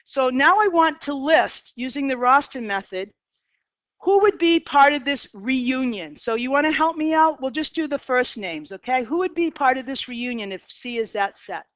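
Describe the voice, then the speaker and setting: A fairly high-voiced woman in her fifties with a Boston accent, leading a math lecture in a classroom. She talks in a chatty way, quizzing the students and wandering into side stories. The recording is dull and lo-fi, with a dry sound. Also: lively intonation, normal speed, a bit bright, dry recording. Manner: chatty, asks the class questions, digresses. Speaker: math teacher.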